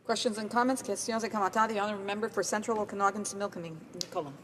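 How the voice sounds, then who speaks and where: Woman presiding officer, mid-pitched, formal parliament speech, reverberant noisy chamber. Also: fairly even intonation, rapid-fire, fairly bright tone. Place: legislative chamber. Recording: echoing hall, clear background noise.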